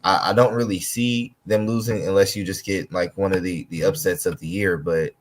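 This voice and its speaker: A man co-hosting a casual college football talk show, talking in a halting way with frequent restarts. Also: sits low, fairly even intonation. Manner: halting, stumbles and restarts often. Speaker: sports podcast co-host.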